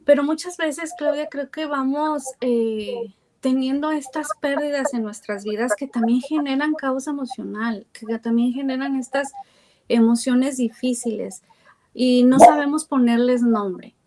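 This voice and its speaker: A woman's voice: high-pitched, a little slow, dark tone, slight background noise. Reflective podcast host woman. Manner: reflective, asks long questions with fillers. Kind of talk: conversational interview.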